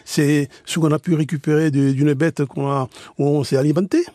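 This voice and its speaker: Craftsman guest, mellow warm tone, dry mic, earnest, repeats himself. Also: on the high side, fairly even intonation, normal speed, no room sound. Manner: earnest, explains with many restarts. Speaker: tanner, radio guest. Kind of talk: radio interview.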